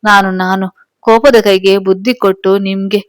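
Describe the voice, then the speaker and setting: A woman takes on a grieving young husband in a storybook reading. He talks low and full of guilt, and the voice sits dry and close to the mic. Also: level tone, normal speed, no room sound, lightly acted. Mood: remorseful. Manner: guilt-ridden, self-blaming.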